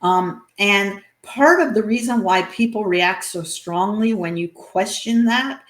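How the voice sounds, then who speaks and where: A woman's voice: medium pitch, measured pace, echoey room. A woman being interviewed as an author, talking earnestly, with many fillers and restarts. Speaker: guest author. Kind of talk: interview conversation.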